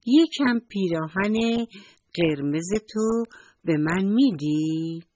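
A woman voicing an excitable little mouse child who squeals and stretches out her words. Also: fairly low pitch. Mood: excited. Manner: squealing, drawn-out, childlike calls.

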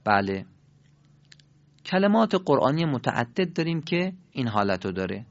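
A man teaching Quran recitation in a recorded lesson, demonstrating sounds slowly and asking learners to repeat after him. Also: medium pitch, very animated. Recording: dull lo-fi recording.

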